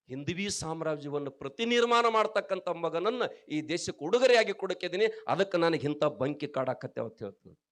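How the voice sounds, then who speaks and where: A man with a North Karnataka Kannada accent giving a sermon as a swami, telling stories with sudden loud outbursts and quiet asides, often asking the audience questions. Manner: dramatic storytelling, swinging between loud raised outbursts and quiet low asides. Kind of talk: sermon to villagers.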